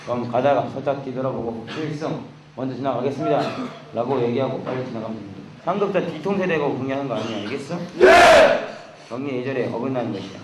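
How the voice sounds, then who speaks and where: A man's voice: mid-range voice, fast, over a noisy crowd. A man instructing military recruits and answering their questions. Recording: echoey room with clear background noise.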